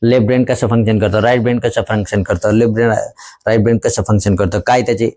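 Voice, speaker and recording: Lively male teacher. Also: on the low side, fast. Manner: lively, repeats key words for emphasis. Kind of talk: explaining a memory technique to students.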